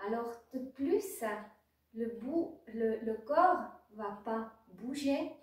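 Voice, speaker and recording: A high-voiced yoga nidra teacher guides a meditation very slowly, her delivery animated. She gives instructions in short phrases separated by pauses. The distant microphone and very echoey room color the recording.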